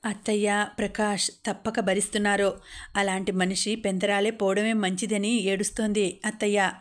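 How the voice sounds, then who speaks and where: A woman's voice: mid-range voice, flat delivery, natural voice. A woman reading the part of an affectionate, teasing man talking on the phone, in an audiobook. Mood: weary. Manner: teasing, quick and fond. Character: man, playful affectionate husband-to-be.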